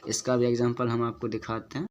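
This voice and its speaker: A male teacher talks through a lesson in an even, mid-pitched voice. He works methodically, poses questions and answers them himself, and draws out example words slowly to show their stress. A faint hiss sits under his speech. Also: lo-fi sound. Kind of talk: spoken lesson on poetic meter.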